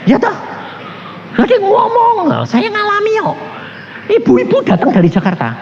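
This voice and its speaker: Animated, high-pitched Javanese-accented preacher. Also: male voice, unhurried, a crowd in the background. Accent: Javanese-influenced Indonesian. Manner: animated and joking, with frequent laughter and rhetorical questions. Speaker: evangelist preacher. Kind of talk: sermon with humorous personal anecdotes. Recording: slightly dull with faint background hiss.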